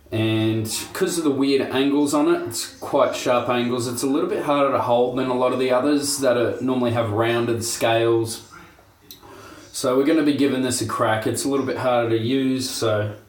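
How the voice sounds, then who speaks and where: A young man hosting a casual shaving review, chatty and laid-back, laughing at himself. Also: medium pitch. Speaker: shaving video host. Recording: roomy home recording.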